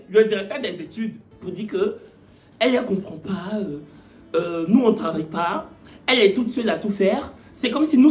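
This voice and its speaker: A man's voice: sits high, fairly bright tone. A man doing stand-up, telling a story in a mocking manner with rhetorical questions. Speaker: comedian.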